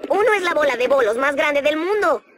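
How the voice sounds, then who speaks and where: A woman's voice: sits high, lively intonation, a little fast, a bit bright, faint music behind. A woman with a Latin American accent voicing an upbeat, adventurous young boy in a cartoon, eagerly. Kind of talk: cartoon dub.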